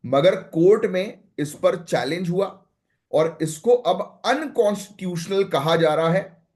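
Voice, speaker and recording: A man's voice: high voice, unhurried, darkish tone. A young man teaching current affairs for exam prep, chatty and direct, mixing English terms in and checking in with "है ना?". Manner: conversational Hindi-English mix, frequent "है ना?" and "ठीक है"; direct, advising students what to note.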